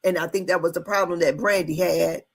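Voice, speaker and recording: A woman co-hosting a casual recap chat, musing in a halting way and trailing off between thoughts. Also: lowish voice, steady tone, slightly rough. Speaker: co-host of a reality TV recap show.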